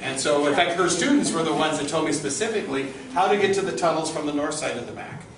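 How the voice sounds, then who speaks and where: A middle-aged man with a fairly high voice leads a campus tour as an informal storyteller. He talks conversationally and checks in with his listeners through questions. He sounds far from the microphone in a very reverberant, noisy space. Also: lively intonation, fast talker. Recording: distant, very echoey, noisy group-tour recording.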